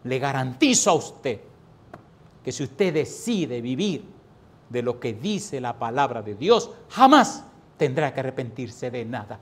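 A male preacher voicing a stern, wealthy older man who speaks slowly and solemnly, rising to emphatic insistence. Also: mid-range voice, sing-song, slightly rough.

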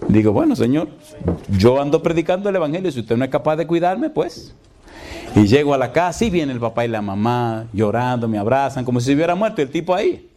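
Emphatic pastor preaching a story. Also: male voice, medium pitch, very animated, fast, warm tone, a little hiss or hum. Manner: emphatic preaching, rhetorical questions to the congregation; acts out dialogue when telling a story. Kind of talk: storytelling sermon.

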